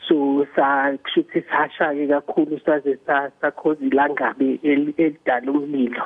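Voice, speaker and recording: A man's voice: on the high side, flat delivery, a little fast. A man with a Zulu accent giving a hesitant interview as a spokesperson over a phone line, often repeating the starts of words. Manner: hesitant, repeats word beginnings. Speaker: emergency services spokesperson. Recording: tinny narrow-band phone line.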